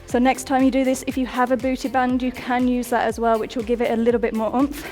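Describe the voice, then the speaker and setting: This fitness instructor, a young woman, speaks fast and flat in a slightly high, darkish voice while coaching a workout over music. She counts down reps in an upbeat way and is out of breath at times.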